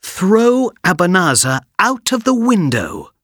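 An eager young storybook hero, high-pitched and lively, as a man reads him out. His lines leap up in pitch with excitement, and the recording sounds dry and close. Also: slow, no echo, exaggerated voice. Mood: commanding.

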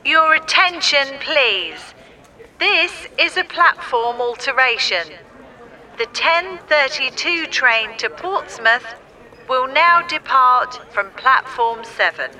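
A woman reading station announcements in a slow, measured and formal way. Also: high-pitched, animated, sharp tone. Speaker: station announcer in a listening exercise.

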